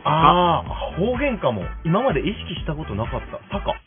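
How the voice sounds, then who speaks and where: A man's voice: a little high, sing-song, normal speed, over music. A young man from Nagoya with a Nagoya accent, chatting casually as a radio co-host in a laid-back, self-teasing way. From Nagoya, Japan. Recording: narrow phone-like broadcast audio.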